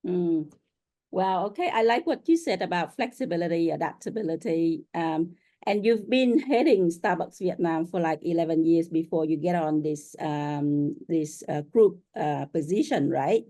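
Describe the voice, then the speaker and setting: A woman's voice: fairly low pitch, moderate pace, dark tone. A woman hosting an interview show, welcoming her guest and asking questions with frequent "um"s and "uh"s. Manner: friendly, many fillers. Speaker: host.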